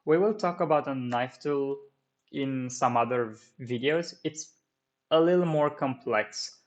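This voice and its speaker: In a screen-capture software tutorial, a man speaking Romanian as his first language demonstrates 3D modelling at his desk, stumbling through many fillers and restarts. He talks a little slowly in a mid-range voice.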